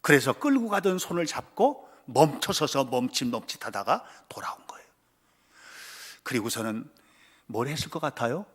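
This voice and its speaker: A male pastor preaching a sermon in a church, swinging between loud cries and hushed whispers and acting out voices in his stories. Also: medium pitch, animated, normal speed, husky. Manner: acts out quoted voices in stories. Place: church sanctuary.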